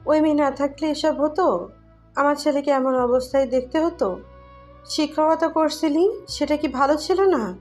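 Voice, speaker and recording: A woman's voice: high-pitched, moderate pace, a little mellow, soft background music, voice pushed up, close to an everyday voice. A woman playing a tearful scolding mother. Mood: tearful, accusing. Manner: scolding, accusing. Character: middle-aged mother, tearful, angry, overprotective.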